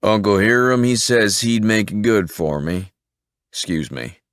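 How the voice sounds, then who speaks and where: A man's voice: lowish voice, animated, unhurried, no room sound, clean studio sound, voice pushed up. Man playing a meek heavy-set country nephew.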